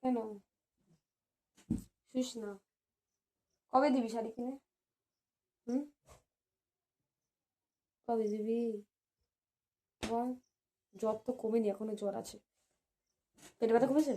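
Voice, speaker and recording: A woman's voice: a little high, steady tone, slow pace, long pauses, mellow. A woman in casual home chat, coaxing and teasing, repeating her requests. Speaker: wife.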